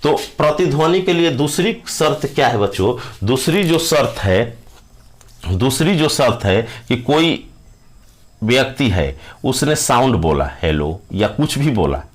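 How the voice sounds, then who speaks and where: A man's voice: mid-range voice, big pitch swings, a little slow. A male teacher giving an exam-prep science lesson, repeating key phrases, using everyday examples and addressing his students directly.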